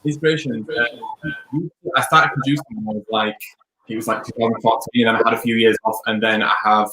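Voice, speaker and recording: A man's voice: fairly low pitch, sharp tone, a little hiss or hum. A young man, chatting upbeat and rambling as a DJ guest on a video call. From Leeds, England. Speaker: DJ and music producer guest. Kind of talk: casual interview chat. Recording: echoey room over video call.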